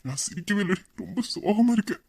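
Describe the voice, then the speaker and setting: A man's voice: high voice, animated, brisk. A man playing a teasing young husband. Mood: mock-sad. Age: young adult. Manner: teasing, mock-sad, playful. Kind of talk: audio drama acting.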